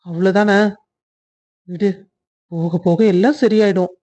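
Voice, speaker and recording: Actor voicing a calm peacemaking young cartoon man. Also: medium pitch, unhurried, natural voice. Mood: soothing. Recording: dull lo-fi audio.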